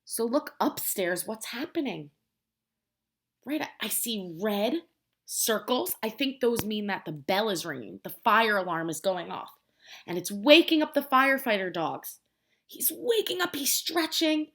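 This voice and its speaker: With a medium pitch and a slightly slow pace, an American woman reads to preschoolers from a picture book. As their teacher, she keeps the language simple and expressive and prompts them with questions.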